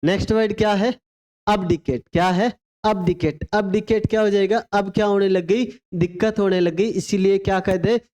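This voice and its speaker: Man drilling vocabulary in a mellow voice. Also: high-pitched, fairly even intonation, normal speed. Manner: call-and-response drilling, spells words letter by letter; asks rhetorical questions then answers them. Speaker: English teacher. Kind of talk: exam vocabulary lesson.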